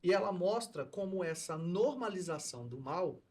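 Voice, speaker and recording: A man's voice: high-pitched, animated, normal speed, a little mellow, breathy edge. A man co-hosting a podcast discussion, explaining political philosophy in a lecturing tone as a teacher. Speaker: co-host, law and philosophy teacher.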